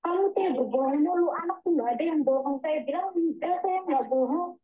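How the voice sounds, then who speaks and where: High-voiced woman telling her story over a tinny phone line. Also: brisk. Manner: rambling, repeats "gitu" and "Miss". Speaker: migrant domestic worker caller.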